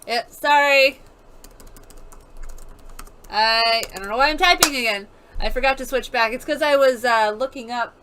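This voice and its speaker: A woman giving casual, rambling let's-play commentary as she plays a game, chatty and quick to laugh. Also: a little high, bright, forceful tone, slight background noise, low-quality recording. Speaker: gaming streamer. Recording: game music playing behind.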